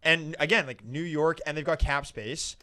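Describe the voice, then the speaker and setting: Man, podcast co-host, casual chat, animated and jokey, smooth clear voice, slightly high. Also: moderate pace. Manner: animated, jokey, breaks into loud movie-quote impressions.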